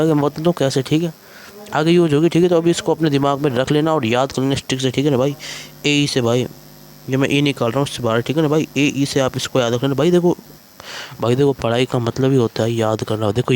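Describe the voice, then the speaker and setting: A man's voice: mid-range voice, a little mellow. A man teaching chemistry in a casual exam-prep lecture, constantly checking in with "thik hai bhai" and coaxing students along.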